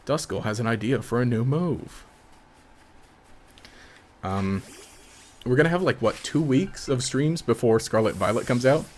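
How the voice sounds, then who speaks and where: Man, live game stream, mid-pitched voice, rambling and chatty, faint background hiss. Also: expressive, a little slow, long pauses, darkish tone. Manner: rambling, chatty, laughs often, trails off mid-sentence. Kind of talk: casual live-stream commentary.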